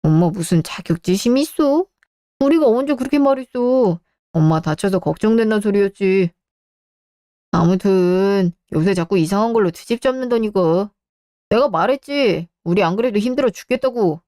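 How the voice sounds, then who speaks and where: A woman's voice: mid-range voice, expressive, moderate pace, mellow, no room sound, clean studio sound, close to an everyday voice. A woman voicing a stressed, defensive adult son in a Korean radio drama. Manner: whiny, defensive. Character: grumbling adult son, a stressed civil servant.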